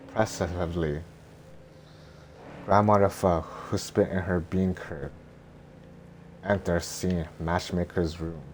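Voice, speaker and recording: A man reading a script aloud in a boring, droning, deadpan monotone, with faint noise behind him. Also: low-pitched. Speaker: reader of screenplay.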